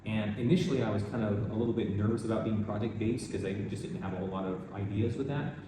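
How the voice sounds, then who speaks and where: A man from the United States, an older math teacher, answering interview questions in a relaxed, rambling way with many restarts. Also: fairly low pitch, fast, background noise. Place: school in Vietnam. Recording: echoey room, distant mic, music behind.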